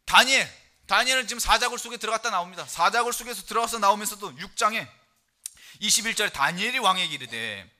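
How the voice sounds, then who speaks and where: A middle-aged male pastor preaching a sermon, animated and emphatic, reading scripture loudly and dropping low for key points. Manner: animated preaching, quick and emphatic, rising loud for scripture quotes; drops to low soft tones for key points.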